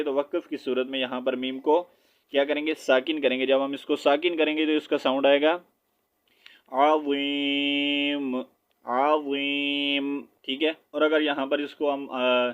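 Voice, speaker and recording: Man slowly spelling out a recitation lesson. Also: medium pitch, muffled recording. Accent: Pakistani Urdu. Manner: patient, repeats "theek hai", drawls syllables. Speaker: Quran recitation teacher.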